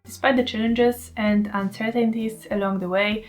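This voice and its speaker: In a scripted voice-over with faint music underneath, a Polish woman in her twenties tells her story as an artist, candid and self-deprecating. She's an artist vlogger with a Polish accent, and her fairly high voice stays steady at a normal speed.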